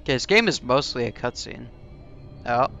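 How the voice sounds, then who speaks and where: A man's voice: mid-range voice, animated, moderate pace, vocal fry, sharp tone, slight background noise. A young adult man giving casual, offhand let's play commentary into a headset mic. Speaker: gaming YouTuber. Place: indoors, seated at a gaming setup. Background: faint game music.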